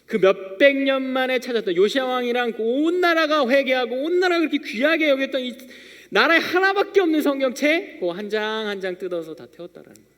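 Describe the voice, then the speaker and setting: A man's voice: extremely high pitch, expressive, brisk, a bit bright. A young man preaching a youth sermon in a church. He preaches as if chatting and tells everyday stories, acting out short bits of dialogue. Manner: conversational storytelling preacher, acting out little dialogues. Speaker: youth pastor. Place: church sanctuary. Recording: long reverb of a church hall.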